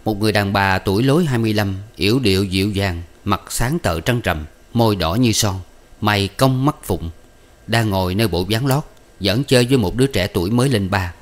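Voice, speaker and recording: Male narrator, somewhat low voice, measured audiobook reading with footnotes.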